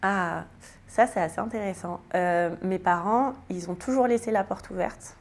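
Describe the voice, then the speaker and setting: Speaking at a normal speed in a mid-range voice, this guest is a tiny house builder from France, a woman in her thirties. She responds to the interviewer's questions in a relaxed way, often hesitating and starting over.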